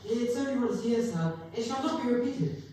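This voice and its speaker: A woman's voice: on the high side, lively intonation, brisk, warm tone, natural voice. Woman as meek clerk, very echoey. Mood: nervous. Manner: deferential, apologetic. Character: meek, apologetic male Victorian clerk. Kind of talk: dramatic stage reading. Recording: echoing hall, distant mic, faint noise.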